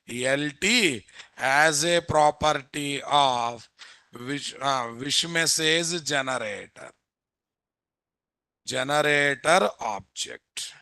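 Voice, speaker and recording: A man's voice: on the high side, sharp tone, clear, resonant tone, dry recording. A man with an Indian Telugu accent giving a live programming lecture as an instructor, repeating phrases and constantly quizzing his listeners.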